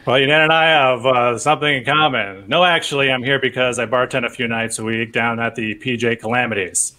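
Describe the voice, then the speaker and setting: A man's voice: mid-range voice, fairly even intonation, a little fast, bright, forceful tone, natural voice. A man playing an awkward, wisecracking female math teacher met outside school, in a comedic script reading. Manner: dry, awkward banter.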